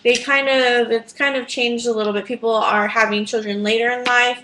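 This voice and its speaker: A woman in her late twenties in a casual chat, thoughtful and hesitant, pausing on "um". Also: on the high side, fairly even intonation, sharp tone, low-quality recording. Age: late 20s.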